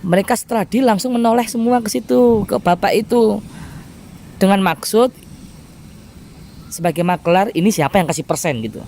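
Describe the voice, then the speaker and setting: A man who preaches in a lively storytelling style and often addresses his congregation directly. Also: high-pitched, moderate pace, pauses often, slight background noise. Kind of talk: storytelling sermon.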